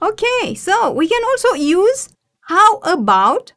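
A woman's voice: extremely high pitch, huge pitch swings, extremely slow, a bit bright. A woman teaching English phrases on a radio lesson, explaining patiently and checking in with "yeah?" after each point.

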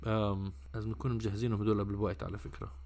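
Male podcast host, Levantine Arabic accent, quick casual delivery, informal with some English mixed in. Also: fairly low pitch, level tone, darkish tone. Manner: informal, mixes in occasional English words. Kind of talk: casual conversational podcast chat.

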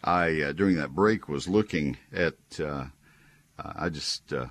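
A man hosting a call-in radio show, talking in a folksy, unhurried, conversational way with a husky voice. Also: rumbling low, a bit bright, no room sound. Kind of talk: conversational live radio talk with sponsor reads.

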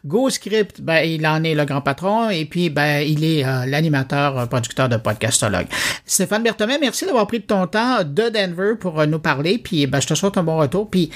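A male podcast host, talking in a relaxed, conversational way. His intonation moves up and down freely, with quick rises when he asks a question. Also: a little high. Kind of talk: interview host, casual chat.

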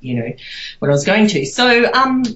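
As an interview guest, an Australian woman gives casual, reflective answers, rambling conversationally and saying "you know" a lot. Her medium-pitched voice is very animated, a bit bright, and moderately paced, recorded in an echoey room with slightly dull sound.

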